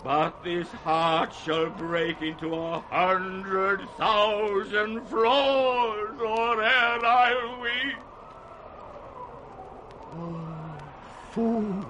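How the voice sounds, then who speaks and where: An actor playing an old, betrayed, grief-stricken king in radio Shakespeare, declaiming from hushed tones to cries. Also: high-pitched, noisy background. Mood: raging grief. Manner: declamatory, swinging between hushed and crying out. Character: old betrayed king, raging, wounded, slipping toward madness. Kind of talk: 1960s British radio Shakespeare acting.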